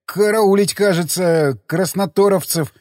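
A man's voice: high-pitched, unhurried, darkish tone, dry recording, studio quality, voice pushed up. A man voicing a timid, hungover young soldier who stammers and whimpers meekly in an audiobook. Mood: cowering. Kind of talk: audiobook character reading.

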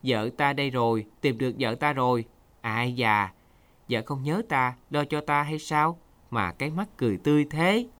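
A man voicing an anxious, devoted Hmong highland husband who cries out loudly, in a storybook reading. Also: expressive, normal speed, natural voice. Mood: overjoyed. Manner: loud, emotional, cries out.

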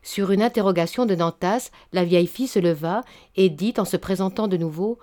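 A woman narrating a literary short story as an audiobook, in a measured, expressive way. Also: fairly low pitch.

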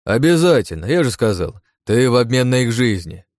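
A man's voice: mid-range voice, sing-song, normal speed, darkish tone, dry recording, clean studio sound, pitched above the performer's own voice, close to an everyday voice. A man voicing a cruel, mocking red-haired male villain who taunts and gloats in an audiobook. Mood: menacing. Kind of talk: audiobook character voice.

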